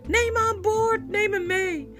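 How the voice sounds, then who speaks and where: Woman doing a panicked, pleading castaway man for a storybook; very high, frantic. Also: steady tone, unhurried, a bit bright, faint music behind. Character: terrified wild-haired castaway man, desperate.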